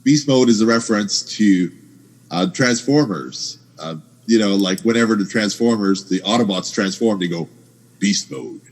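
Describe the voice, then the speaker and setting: Male podcast host, low husky voice, enthusiastic rambling explainer on a headset. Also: normal speed, rough recording. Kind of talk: casual gaming chat. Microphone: headset microphone.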